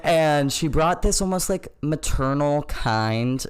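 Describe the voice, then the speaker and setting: A young man, a playwright and actor, talking at length in a casual interview, animated as he explains. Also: fairly high pitch, slow pace, smooth.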